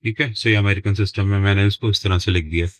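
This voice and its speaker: A maths teacher with a deep, low voice walks through a lesson step by step. He slows down to dictate each number word by word as he writes it. The sound is dry and close, with no room echo. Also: steady tone. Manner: slow, deliberate, dictates numbers word by word while writing.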